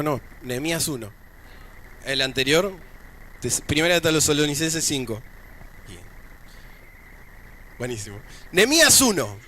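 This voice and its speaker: A man's voice: fairly high pitch, pushed and bright. A man with an Argentine accent preaching a sermon at a church service, talking in a conversational way with joking asides between scripture readings. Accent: Argentine Spanish.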